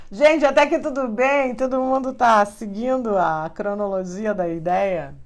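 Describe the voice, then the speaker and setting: A woman with a Brazilian Portuguese accent, hosting a live stream and teaching in a chatty, animated way, often acting out quoted voices. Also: a little high, slow pace. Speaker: spiritual live-stream host. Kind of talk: casual teaching to a live audience.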